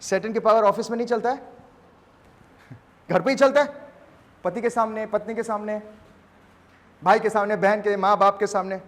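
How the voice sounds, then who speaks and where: Male pastor, animated sermon delivery, lively and theatrical, reverberant hall sound. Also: sits high, normal speed, pauses often. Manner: animated preaching mixing Hindi and English, acting out voices.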